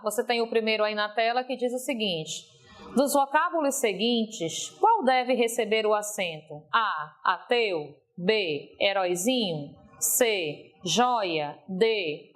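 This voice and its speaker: A woman teacher giving a recorded video lesson, stretching example words slowly and checking in with a frequent "ok?". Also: mid-range voice, lively intonation.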